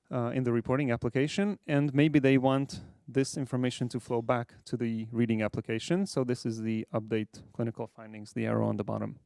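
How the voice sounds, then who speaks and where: A man's voice: medium pitch, darkish tone, no room sound, clean studio sound. Hungarian-born man giving a technical talk. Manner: measured, explanatory, with frequent fillers. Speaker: software architect presenting at a conference. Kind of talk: conference talk.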